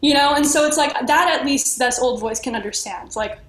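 A woman's voice: sits high, fairly quick, fairly bright tone. A woman podcast guest talking earnestly and reflectively, searching for words and restarting often. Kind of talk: reflective conversational sharing. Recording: echoey room with faint noise.

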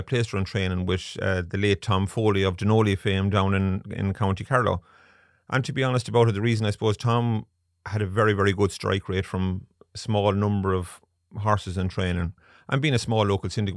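Low, even-toned Galway man. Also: no echo, studio quality. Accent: west of Ireland, Galway. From Galway, west of Ireland. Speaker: racing syndicate manager, podcast guest. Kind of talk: casual interview chat.

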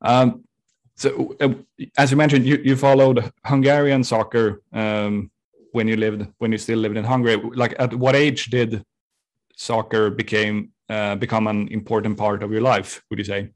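Male interviewer, lowish voice, polite, stops and restarts a lot. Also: flat delivery. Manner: polite, halting questions. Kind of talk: casual conversational interview.

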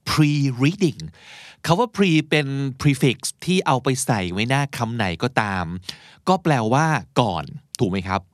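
A man hosting a podcast who teaches English in a chatty, encouraging way, reading English phrases slowly and spelling words out. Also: medium pitch, no echo, studio quality. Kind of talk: casual explanatory podcast teaching.

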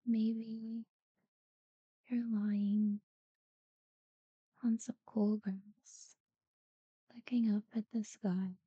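A woman guiding a sleep meditation in a soft, breathy near-whisper, soothing and unhurried, with long pauses between short phrases. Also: medium pitch, level tone, dry recording, lo-fi sound. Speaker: guided relaxation narrator. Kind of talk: guided sleep meditation talkdown.

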